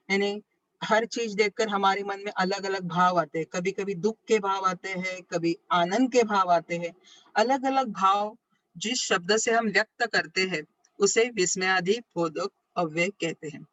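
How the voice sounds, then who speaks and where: Female school teacher, bright clear voice, dry close sound, rephrases and quizzes the class as she explains. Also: mid-range voice, no room sound, poor audio. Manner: explains step by step, asks questions and answers them herself; rephrases points again and again. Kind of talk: recorded grammar lesson.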